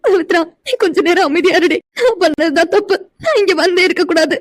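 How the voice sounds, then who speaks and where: A woman's voice: very high voice, a little fast, dry recording, pitched above the performer's own voice. A woman voicing a timid young woman in a cartoon, pleading through tears. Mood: tearful. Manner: pleading, crying. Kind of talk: cartoon voice acting.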